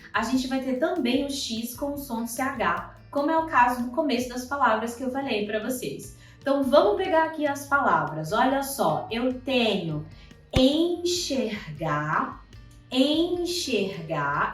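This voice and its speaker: A woman with a Brazilian Portuguese accent teaching an online Portuguese lesson, chatty and lively, drawing out example words slowly. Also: on the high side, distant mic. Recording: echoey room, voice off-mic, faint music.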